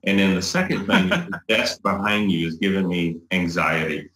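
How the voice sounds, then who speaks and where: A man's voice: low voice, normal speed, pushed and bright, reverberant, low-quality recording. A man interviewing a client over a video call, asking upbeat but rambling questions. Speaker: interviewer for the coaching company.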